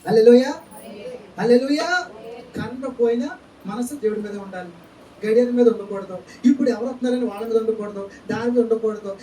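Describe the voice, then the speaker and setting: Talking fast in a high, mellow voice with fairly even intonation, a man delivers a church sermon full of rhetorical questions and cries of amen and hallelujah. The recording comes from a distant mic in an echoey church hall, with faint ambience and slight background noise.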